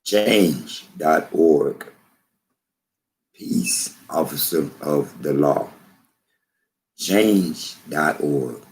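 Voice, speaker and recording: A man with a very low voice speaks slowly and deliberately to the camera. He talks in a preachy, emphatic way and keeps repeating phrases to drive the point home. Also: animated. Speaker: vlogger. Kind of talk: slow spoken commentary to camera.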